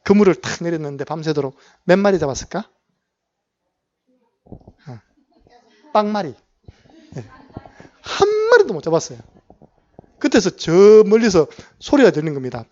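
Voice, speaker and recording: A man's voice: a little high, darkish tone. A male pastor with a Gyeongsang Korean accent preaches in a church, telling a Bible story with a slightly raised voice. He keeps asking the congregation questions as he goes. The recording is somewhat dull and lo-fi. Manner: storytelling preacher who asks the congregation questions and acts out quotes. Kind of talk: sermon. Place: church sanctuary.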